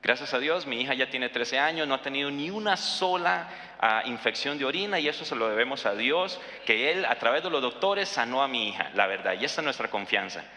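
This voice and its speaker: A man's voice: medium pitch, expressive, brisk, bright, forceful tone, roomy sound, in a large hall. A man, preaching conversationally and telling a family story, with fillers and tag questions. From Costa Rica. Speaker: pastor. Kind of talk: sermon with personal story.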